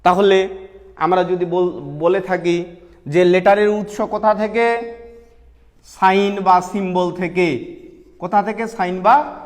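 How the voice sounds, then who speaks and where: A man's voice: high voice, steady tone, slow pace, pauses often, in a large hall. A Bangladeshi man teaching an English lesson, asking questions and answering them himself, spelling words out letter by letter. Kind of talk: recorded online lesson.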